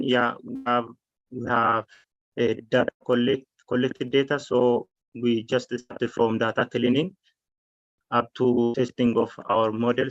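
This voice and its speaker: A man from Ethiopia giving a technical presentation of his solution, halting with fillers and restarts. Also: medium pitch, no room sound. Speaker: challenge presenter. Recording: dull lo-fi call audio.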